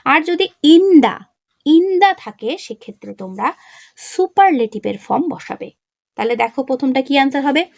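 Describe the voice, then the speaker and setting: A woman's voice: sits high, lively intonation, gravelly, a little mellow, no echo, dull audio. A woman with a Bengali accent teaching an English revision lesson step by step, asking questions and answering them herself. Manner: reads example sentences slowly.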